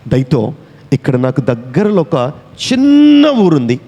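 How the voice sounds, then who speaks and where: A man's voice: on the high side, huge pitch swings, a little slow, dark tone, lo-fi sound, pitched below the performer's own voice, heavily acted. A pastor voicing Lot as a frightened man pleading with God. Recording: echoey hall reverb.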